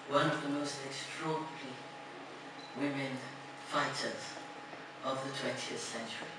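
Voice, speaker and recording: An older woman from Ghana speaks at an unhurried pace from a podium in a large wood-panelled lecture hall. She is heard from afar through a booming echo, with a steady noise underneath. Her talk moves from rhythmic chanting to reflective storytelling. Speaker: alumni speaker. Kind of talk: lecture with recited poem. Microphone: podium mic, recorded from a far camera. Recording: distant, very echoey hall recording with noise.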